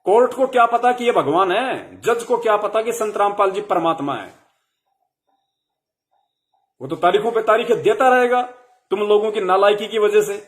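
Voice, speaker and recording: A man's voice: high voice, animated, normal speed, pauses often. A young man giving a heated devotional sermon to fellow followers, scolding them with rhetorical questions.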